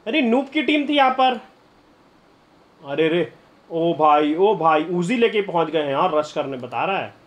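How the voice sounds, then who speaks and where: Excitable young man commentating a game. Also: a little high, a little slow. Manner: excitable, laughing, shouting bursts. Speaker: game streamer. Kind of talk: live gameplay commentary.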